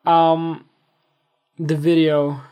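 A man's voice: a little high, little pitch movement, drawn-out words, darkish tone, clean tone. Rambling young man. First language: Swedish. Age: 20s. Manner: rambling, self-reflective, full of fillers. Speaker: podcast host. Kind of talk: casual solo monologue.

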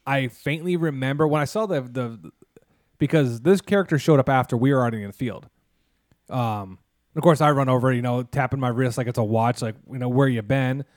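A man of middling pitch tells long, meandering stories in a casual chat, leaning on "um" and restarts and dropping sarcastic asides. His voice sounds close and dry, with no room around it. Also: brisk, a little mellow, no echo. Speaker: podcast host, mascot performer.

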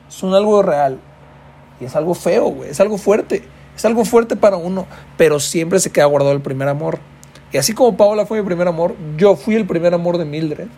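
A man's voice: high voice, a little mellow, slightly rough. A young man of about twenty with a Mexican accent, hosting a podcast and telling a comic story in a slangy, profane way. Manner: slangy and profane, peppers every line with güey. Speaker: podcast host.

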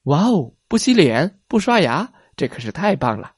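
A man voicing an excited, cheeky little boy who talks in eager exclamations. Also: medium pitch, measured pace, no echo, clean studio sound.

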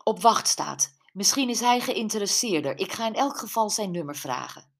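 A woman voicing an eager, nosy middle-aged amateur sleuth who fires excited questions. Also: medium pitch, normal speed.

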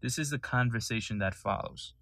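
A man's voice: medium pitch, fairly quick, creaky, a bit bright, no room sound. A young man from Nepal hosting a solo podcast, telling his story in an earnest, sometimes indignant way. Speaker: podcast host.

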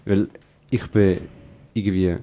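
Young Swiss-accented man, podcast co-host, lowish warm voice, relaxed chatty delivery. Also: measured pace. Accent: Swiss German. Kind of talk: casual chat.

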